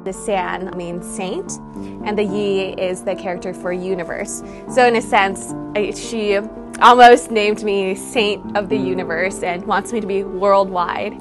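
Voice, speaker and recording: A woman's voice: mid-range voice, level tone, measured pace, over music. A woman, speaking earnestly and reflectively in a taped interview. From San Francisco, United States. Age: 20s. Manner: earnest and reflective, grows emotional.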